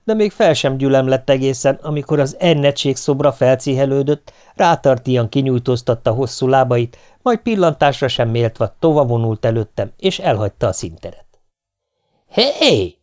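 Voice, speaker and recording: A man reading a humorous first-person audiobook, telling the story in a wry, animated way. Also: medium pitch. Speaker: audiobook narrator.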